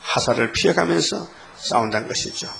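An older man preaching a sermon, emphatic and repetitive, often asking his listeners for a response and reading scripture slowly and solemnly. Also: a little high, lively intonation, creaky, a bit bright, faint music behind. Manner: emphatic, repeats phrases, asks the congregation "예?". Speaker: pastor.

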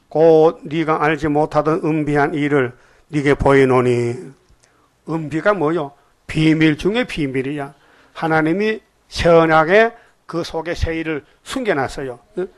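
Emphatic male preacher, higher voice. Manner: emphatic, prodding the congregation with repeated "eh?". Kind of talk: sermon.

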